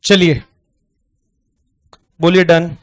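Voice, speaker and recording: A man with an Indian accent teaching an online tax class, chatting casually and joking, then slowly dictating questions. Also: fairly high pitch, little pitch movement, no echo, studio quality, faint music behind.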